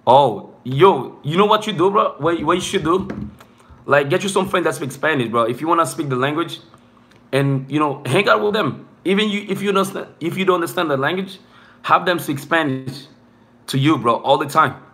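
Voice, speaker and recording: A young man who isn't a native English speaker chats casually with viewers during a live stream from a small room. His voice is fairly high, expressive, and a bit bright, at a moderate pace. He rambles loosely, peppering his talk with "bro" and "you know what I'm saying."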